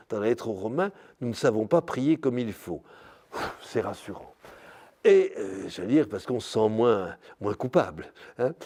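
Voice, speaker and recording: Older male priest, slow and lively lecture delivery, thoughtful fillers throughout. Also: medium pitch. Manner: slow, searching delivery with many "hein" and "euh". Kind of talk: spiritual lecture. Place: parish hall or church.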